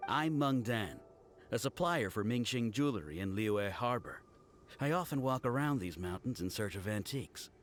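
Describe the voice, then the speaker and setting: A man voicing a courteous male antique supplier in a game cutscene, measured and salesman-like. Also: medium pitch, animated, soft background music, lightly acted. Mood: grateful. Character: grateful male antique supplier, polite merchant.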